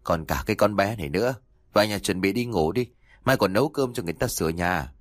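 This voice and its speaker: Man doing a gruff, snapping old village father. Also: medium pitch, very animated, fast talker, no echo, clean studio sound. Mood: grudging. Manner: snapping, scornful.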